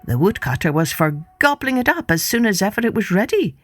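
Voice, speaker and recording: A woman narrating a folktale for children in an expressive, measured way. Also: mid-range voice. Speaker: storyteller.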